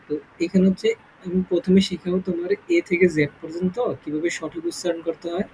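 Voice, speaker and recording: উঁচু গলায় ধীরে ধীরে বোঝানো শিক্ষক. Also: male voice, high voice, flat delivery, darkish tone, a little hiss or hum, rough recording. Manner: explains slowly, with many check-ins to the student. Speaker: English teacher. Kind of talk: informal spoken lesson.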